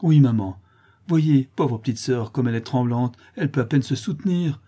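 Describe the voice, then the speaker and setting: A man voicing a gentle young girl who pleads and implores, for a storybook reading. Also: medium pitch, normal speed, voice pushed up, lightly acted. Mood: pleading.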